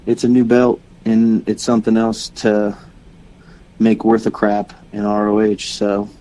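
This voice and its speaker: A young man co-hosts a podcast in a relaxed, rambling way. His voice sits a little low. He often restarts his sentences and stops to plug shows and websites. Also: measured pace, poor audio. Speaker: podcast co-host. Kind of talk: casual chat.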